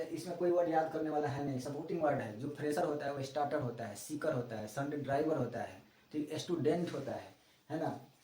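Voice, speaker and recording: A man's voice: a little high, warm tone. A middle-aged man teaching English vocabulary in a Hindi lecture. He repeats key words and spells them out letter by letter. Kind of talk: Hindi classroom lecture mixed with English terms. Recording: echoey room, voice from a distance.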